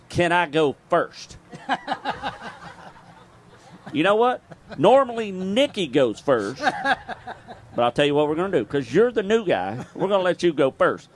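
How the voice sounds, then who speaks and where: A man, hosting an outdoors radio show and telling a story live, laughing often and throwing in sound effects. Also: fairly high pitch. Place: live event at a bar.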